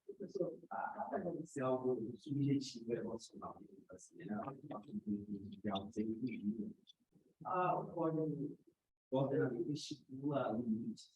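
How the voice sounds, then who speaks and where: A young man, a student, asking a hesitant, halting question in a law class. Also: mid-range voice, expressive, darkish tone, roomy sound, rough recording.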